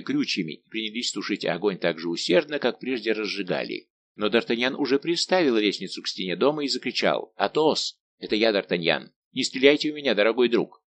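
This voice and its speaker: Male audiobook narrator, dramatic, low voice with wide pitch swings. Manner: expressive, dramatic reading.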